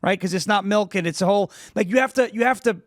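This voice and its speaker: A man in his thirties from New York, with a high-pitched voice, talks through his argument in a casual political discussion. He leans on everyday examples and keeps asking "right?" to draw the others in. He is recorded close on the mic in a dry room with no echo. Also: quick pace. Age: 30s. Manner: explains with everyday examples, asks rhetorical "right?". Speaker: podcast panelist.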